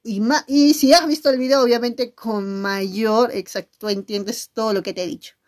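A woman's voice: on the high side, steady tone, normal speed, a little mellow. A middle-aged woman teacher giving a video lesson, talking expressively and often checking in with her listeners. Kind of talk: video lesson on nonverbal communication.

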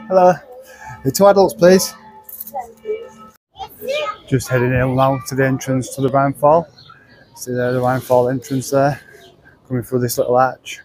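A man's voice: medium pitch, a little mellow, slight background noise, low-quality recording. A man narrating a casual travel vlog outdoors. He talks chattily into a handheld camera, rambling with restarts. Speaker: travel vlogger. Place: outdoors at a car park and riverside path.

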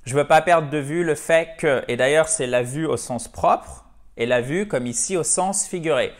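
A French-speaking man with a French accent, teaching English in a chatty online lesson, explaining in French and saying English examples slowly. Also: fairly high pitch.

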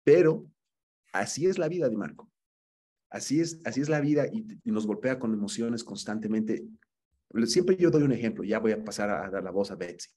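Low, husky male acting teacher. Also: lively intonation, normal speed, mellow. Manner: earnest, repeats words while searching for them. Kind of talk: online acting class feedback.

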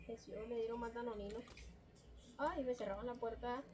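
A woman chatting casually while gaming, slangy and excitable. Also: on the high side, brisk, a crowd in the background. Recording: noticeable background noise.

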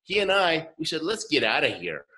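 Man, fifties, interview guest, home video call, enthusiastic, higher pitch. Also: big pitch swings, a little fast, pushed and bright, poor audio. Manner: enthusiastic storyteller, grins while talking. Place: home room indoors.

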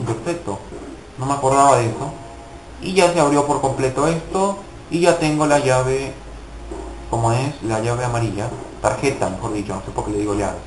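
A man's voice: medium pitch, reverberant, slight background noise, poor audio. A young man casually commenting on his gameplay, swearing and mocking himself in frustrated outbursts. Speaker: gaming video host.

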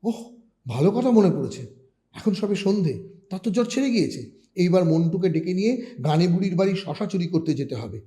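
Calm, mellow male storyteller. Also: sits high, fairly quick. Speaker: story reader. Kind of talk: storytelling reading of a short story.

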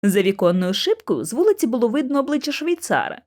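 A woman narrating a bedtime audiobook in an animated, expressive reading voice. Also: a little high, fast talker.

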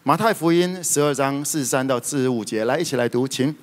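A man preaches a sermon in a lively, storytelling way. His voice sits at an ordinary middle pitch. It carries a long reverberant echo from the hall around him. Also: quick pace. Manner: animated, lively storytelling with sudden loud outbursts. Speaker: pastor.

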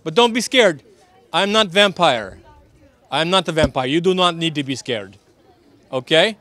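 A man acts out a jovial vampire count with a mock Transylvanian accent and a slightly high male voice. He is polite and reassuring, speaking in choppy foreign-style sentences as he hosts ad-libbed street interviews. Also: expressive, normal speed, sharp tone. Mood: welcoming. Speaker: street host of a local TV Halloween show. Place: outdoors on a street.

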